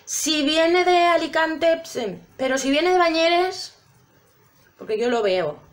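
A woman's voice: very high voice, lively intonation, slow. A woman chatting casually to her viewers while trying out makeup. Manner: chatty, addresses viewers directly. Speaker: makeup vlogger.

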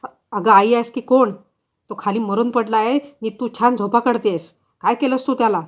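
Woman doing a furious shouting husband. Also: on the high side, moderate pace, close to an everyday voice. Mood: angry, shouting. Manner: shouting, harsh accusations. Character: furious young husband, grieving, accusing his wife. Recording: slightly dull lo-fi recording.

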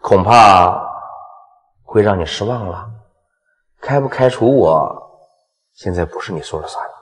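A smug corporate villain in a short drama. His low voice swings widely as he gloats with mocking movie-villain menace. It rings in a long hall-like reverb. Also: expressive, measured pace. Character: smug scheming male corporate villain plotting a takeover. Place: large indoor concrete space, garage-like.

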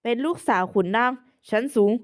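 A woman's voice: a little fast, natural voice. A woman voicing a wounded, defensive young man. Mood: agitated. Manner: defensive, agitated. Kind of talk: manga recap voice acting.

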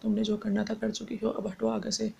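A woman reading the lines of a serious, reserved young man who speaks softly and calmly, in an audiobook. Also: medium pitch, a little fast, gravelly, a little hiss or hum. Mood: cold. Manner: calm, reserved, soft-spoken. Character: young man, cool and serious, then gently teasing.

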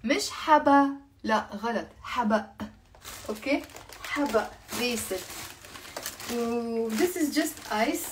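A woman with a Lebanese accent teaching Arabic in a casual live lesson, repeating words slowly, mixing English and Arabic, and thanking viewers for their comments. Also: a little high, animated, background noise.

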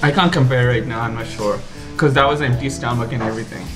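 A man's voice: medium pitch, steady tone, fast talker. A man in his thirties chatting casually across a table during a challenge. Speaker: chili challenge contestant. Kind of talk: casual chat. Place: small room in a house. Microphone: camera mic across the table. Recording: roomy camera audio under loud guitar music. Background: loud guitar music.

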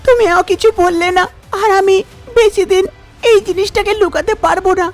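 A woman's voice: very high voice, steady tone, moderate pace. A woman voicing a frightened young woman in a cartoon, tearful and pleading. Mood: despairing.

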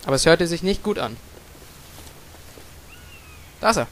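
A man giving gaming commentary, muttering to himself, swearing casually and yelling out repeated words when the action heats up. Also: on the high side, unhurried, a little hiss or hum. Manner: excitable, yells and repeats words in a rush during fights. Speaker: let's player.

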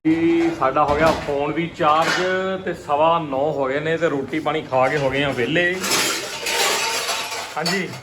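A man's voice: fairly high pitch, steady tone, a little slow. A man with a Punjabi accent chatting casually and teasingly on a family vlog, often repeating himself. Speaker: family vlogger. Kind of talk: casual home vlog chat. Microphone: phone held by the speaker. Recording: noisy handheld home recording.

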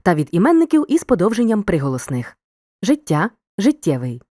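A woman reading a scripted video lesson as a teacher, giving examples in a clear, deliberate way. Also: mid-range voice, sing-song, mellow, dry recording, studio quality.

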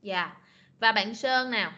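A woman teaching an online class, patiently repeating words slowly to model pronunciation. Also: mid-range voice, bright, forceful tone. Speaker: English teacher. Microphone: video call. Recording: lo-fi video meeting recording.

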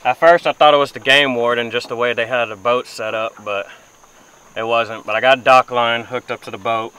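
In a rough recording from a camera mic at close to mid distance, a young man chats casually from a small river boat for his fishing vlog. His medium-pitched voice is steady, sharp and fairly quick, and his phrasing is folksy. Faint outdoor sounds and insects hum in the background.

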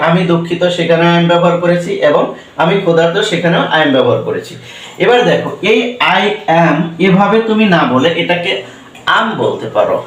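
A man's voice: fairly high pitch, a bit bright. A man with a Bengali accent teaching spoken English, spelling words letter by letter and asking and answering his own questions. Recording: roomy echo, distant mic.

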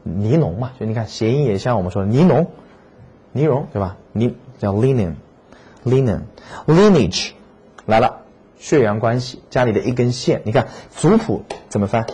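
A man's voice: medium pitch, animated, moderate pace, mellow, slightly rough. A man teaching exam vocabulary in a lecture. He speaks emphatically, repeats key words and asks rhetorical questions.

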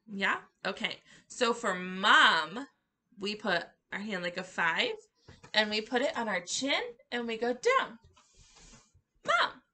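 A woman's voice: a little high, bright, forceful tone. A woman leading a circle-time lesson for young children, praising them in an encouraging, cheerful way. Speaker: preschool circle-time teacher.

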